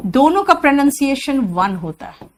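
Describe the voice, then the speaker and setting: A woman from Bihar teaching spoken English, drilling each word slowly and calling her students "beta". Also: high voice, big pitch swings. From Bihar, India.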